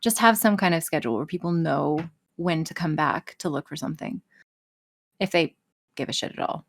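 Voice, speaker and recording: A woman with a low, creaky voice talks a little fast. She's a podcast guest who does audio roleplay, and in this casual, profane interview she speaks bluntly and emphatically, swearing freely.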